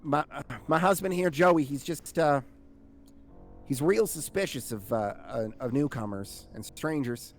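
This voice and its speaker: A man's voice: on the high side, animated, a little slow. A man voicing an apologetic, placating wife with a folksy, pleading manner in a tabletop game. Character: apologetic, placating wife soothing her suspicious husband.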